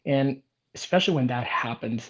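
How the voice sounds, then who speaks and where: A medium-pitched man speaks at a normal speed. He's a native Portuguese speaker from Portugal and a business owner appearing as an interview guest, telling his own story in a casual, rambling chat. The audio is slightly dull and lo-fi.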